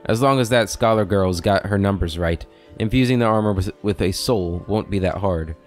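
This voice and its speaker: A man's voice: fairly low pitch, normal speed, faint music behind, lightly acted. A man reading a disapproving male blacksmith's game dialogue aloud, plainly and with stumbles. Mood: grumbling.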